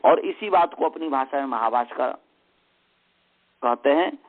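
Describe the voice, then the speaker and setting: A man teaching Sanskrit grammar, dictating lines slowly and repeating each phrase many times before he explains it. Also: mid-range voice, expressive. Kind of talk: dictating and explaining a text to students. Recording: tinny phone-line sound.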